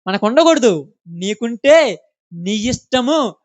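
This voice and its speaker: A man's voice: very high voice, sing-song, takes it slowly, no room sound. A man preaching a sermon, scolding the congregation with impassioned rhetorical questions. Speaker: pastor.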